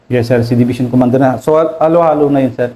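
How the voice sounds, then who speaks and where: A Filipino army officer with a Filipino accent, recounting combat in an interview, deferential and halting, adding "sir" to nearly every phrase. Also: male voice, mid-range voice, mellow, rough recording. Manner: deferential, says "sir" constantly, halting with many fillers. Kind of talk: interview storytelling.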